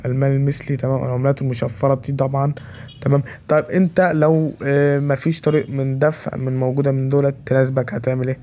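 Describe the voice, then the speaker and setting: Fast, gravelly Egyptian man. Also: medium pitch, mellow, a little hiss or hum. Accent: Egyptian Arabic. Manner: keeps repeating "okay" between steps. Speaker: tutorial presenter. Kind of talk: casual screen walkthrough.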